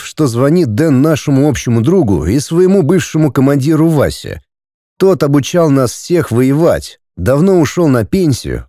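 A man's voice: mid-range voice, warm tone, no room sound, clean studio sound. A man narrating a first-person audiobook in a tense, grim way.

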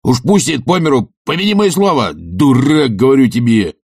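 A male reader voicing a coarse, blustering middle-aged sponger who shouts insults and self-pitying rants in a husky voice. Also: medium pitch, lively intonation, normal speed, no echo, clean studio sound, voice pushed up. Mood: scornful, ranting.

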